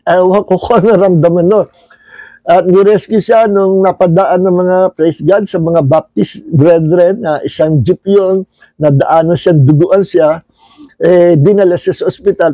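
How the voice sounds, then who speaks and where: Filipino man, pastor leading a Bible study, high mellow voice, dry close sound, storytelling manner. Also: no echo, highs cut off. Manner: storytelling, mixes Tagalog and English, frequent "no?" tag. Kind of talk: online Bible study teaching.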